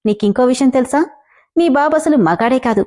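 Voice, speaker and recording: Picture a cruel, arrogant village landlord, mocking and sneering, as a woman narrator puts him on with a mellow, somewhat high voice. He jeers with easy contempt in an audio storybook. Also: lively intonation, fairly quick. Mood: sneering taunts. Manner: taunting, sneering.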